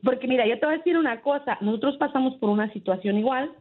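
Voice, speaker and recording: A woman calls in to a radio show over a tinny phone line. Her voice is a bit high. She tells her story emphatically, often checking in with the listener. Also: quick pace. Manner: emphatic, tells a family story with many "¿verdad?". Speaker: radio caller.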